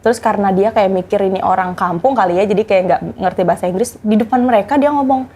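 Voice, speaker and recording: A woman's voice: medium pitch, quick pace, dark tone, slight background noise. Chatty woman telling her story. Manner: chatty, many fillers, mixes in English. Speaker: former personal assistant. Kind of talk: casual interview storytelling.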